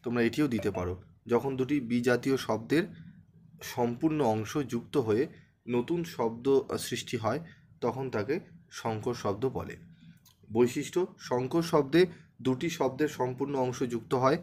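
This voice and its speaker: A man's voice: medium pitch, normal speed, long pauses, a little mellow, a little hiss or hum. A man teaching an exam-prep lesson to students, often checking in with rhetorical questions and repeating key points. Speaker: exam tutor.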